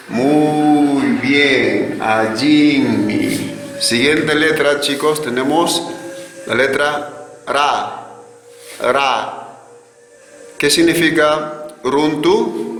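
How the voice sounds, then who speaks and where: A man teaching a language class to children, slowly saying each letter and word and repeating it. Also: on the high side, a bit bright. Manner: slow, patient, repeats each sound twice. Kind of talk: slow classroom drill, repeating words for students. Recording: roomy echo with long reverb and faint hiss.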